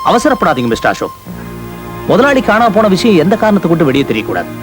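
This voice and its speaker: An actor playing a scheming corrupt estate manager who talks smoothly in a Tamil film. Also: male voice, high-pitched, wildly swooping pitch, quick pace, over music.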